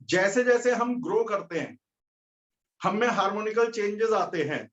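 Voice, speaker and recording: A man's voice: sits high, normal speed, a bit bright. A man teaching a physics class, explaining step by step and asking his students questions. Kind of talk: classroom lecture. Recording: dull lo-fi recording.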